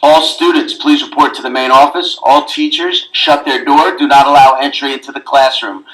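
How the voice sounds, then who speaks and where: Male staff voice over a school PA loudspeaker: formal, firm, mid-pitched, echoing from a distance. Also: fairly even intonation. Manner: firm, measured instructions. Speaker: school staff making an announcement. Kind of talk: formal public announcement. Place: classroom, speaker mounted in the room. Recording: echoey loudspeaker heard from across a classroom.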